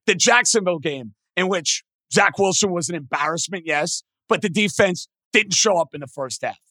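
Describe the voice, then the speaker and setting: A man with a hoarse, raspy, strained voice that is nearly gone, hosting a sports podcast with blunt, emphatic opinions and rhetorical questions. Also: high-pitched, bright, forceful tone, no room sound, studio quality.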